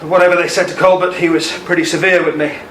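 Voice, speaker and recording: In an amateur radio play, a man voices an older ex-army husband haunted by a lost love, sounding bitter, regretful and hesitantly emotional. He speaks quickly in a high, slightly bright voice with little pitch movement, recorded roomy on a distant mic with faint noise.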